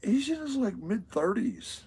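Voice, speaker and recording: A man's voice: high voice, very animated, unhurried, a little mellow, breathy edge. A man co-hosting a travel vlog who chats casually, speaking bluntly and swearing freely as he tells stories with animation. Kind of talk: casual chat.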